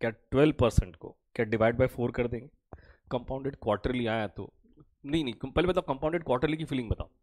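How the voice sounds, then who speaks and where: A man teaching an online class. He has a cough and trouble speaking. He talks slowly on purpose, asks a question, answers it himself, repeats each point and calls his students "beta" like a fatherly teacher. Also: mid-range voice, a little mellow. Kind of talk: online lecture.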